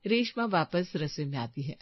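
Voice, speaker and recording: A woman's voice: deep voice, animated, moderate pace, dry recording, lo-fi sound. A woman giving scripted storytelling narration for a cartoon story.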